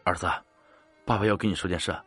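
A man's voice: deep voice, steady tone, quick pace, a bit bright, husky, soft background music. A man playing a grieving father who speaks in a choked, tearful, pleading way.

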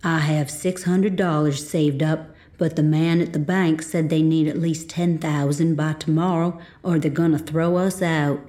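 A woman voicing a gentle, worried adult brother who talks softly and plainly in a storybook reading. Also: a little high, steady tone, unhurried, few pauses, natural voice.

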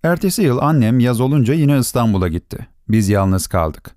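A man narrating a story for an audiobook in a measured, expressive storytelling manner. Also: mid-range voice, dry recording, clean studio sound. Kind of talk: scripted narration.

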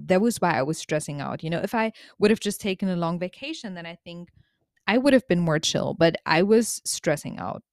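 A woman vlogger speaks in a slightly low voice, recorded dry with no room sound. She chats informally to her audience as in a casual monologue, stressing her points with slangy exaggeration. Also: dry recording. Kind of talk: casual chatty vlog monologue.

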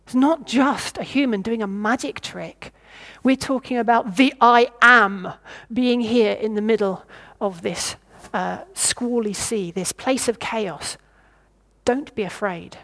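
A woman with a fairly high voice preaches a sermon. She thinks aloud and asks her listeners what they would do. She sometimes stops and starts over her words. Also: a little slow, hardly any pauses, fairly bright tone. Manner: reflective, asks the listeners questions.

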